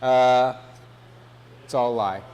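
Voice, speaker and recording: A man's voice: medium pitch, takes it slowly, a little hiss or hum. Laid-back man. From Texas. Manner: relaxed, uses "y'all", frequent "uh" fillers. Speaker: co-host. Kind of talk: casual chat.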